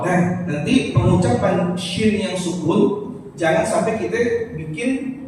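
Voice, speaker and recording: A man teaching Quran recitation rules in a mosque study circle, patiently chanting words slowly to demonstrate them. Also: high voice. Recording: echoey hall from far off, background noise.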